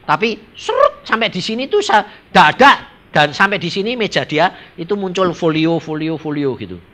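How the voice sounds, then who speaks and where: Lively preacher. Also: male voice, high voice, moderate pace. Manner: lively, dramatic, swings between loud and hushed. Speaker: evangelist preacher. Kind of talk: animated storytelling sermon.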